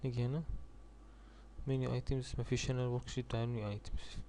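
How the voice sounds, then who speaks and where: A man with an Egyptian Arabic accent teaching a screen-recorded software tutorial. He reads each step aloud in English, then thinks it through aloud in Arabic. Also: medium pitch, steady tone, brisk, a little hiss or hum. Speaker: software instructor.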